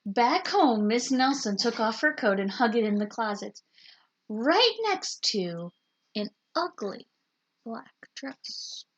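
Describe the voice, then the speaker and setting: A woman teacher reading a picture book aloud in a slow, deliberate storytelling manner. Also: on the high side, very animated, lo-fi sound.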